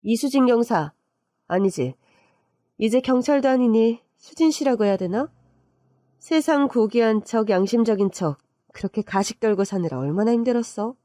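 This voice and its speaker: A woman's voice: fairly high pitch, expressive, moderate pace, mellow, no echo, clean studio sound, lightly acted. A woman voicing a fierce, protective middle-aged aunt who speaks in a cutting, scornful way, in a radio-style story reading.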